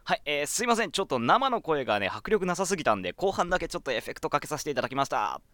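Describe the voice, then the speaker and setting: A man's voice: fairly high pitch, big pitch swings, racing, fairly bright tone, no echo, studio quality. A man presenting his voice sample in casual, apologetic, self-deprecating chat.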